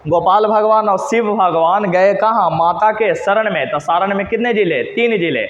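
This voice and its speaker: A man's voice: high-pitched, normal speed. A male teacher, teaching geography by mnemonics, asking questions and answering them himself in repetitive call-and-response. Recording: echoey hall, dull lo-fi sound.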